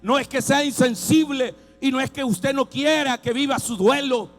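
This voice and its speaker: A male pastor preaching a sermon with great passion, shouting some phrases and dropping to a hush on others. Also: extremely high pitch, normal speed, faint music behind. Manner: impassioned preaching, swinging between shouts and hushed tones. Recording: long reverb of a large hall.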